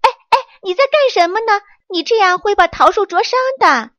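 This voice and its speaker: A woman voicing a lively, excitable young male monkey in a children's storybook, with a high, quick and eager voice. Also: dry recording. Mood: urgent. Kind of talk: storybook character voice.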